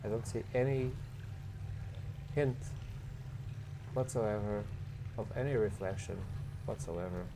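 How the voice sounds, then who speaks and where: A man's voice: lowish voice, slow pace, pauses often, background noise. A man thinking aloud while playing a puzzle game, sleepy and tired, yawning as he talks it through. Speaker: gaming streamer. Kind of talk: casual gameplay commentary.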